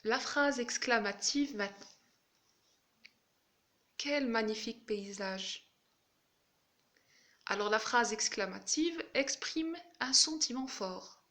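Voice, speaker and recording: A woman teacher explaining French grammar in a slow, careful way, giving examples as she goes. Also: a little high, pushed and bright. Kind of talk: grammar lesson.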